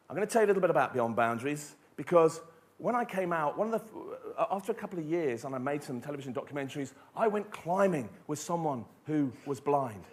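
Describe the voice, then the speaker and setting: A middle-aged man giving an emphatic keynote talk, telling stories and asking rhetorical questions. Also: fairly high pitch. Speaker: motivational speaker. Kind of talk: keynote speech.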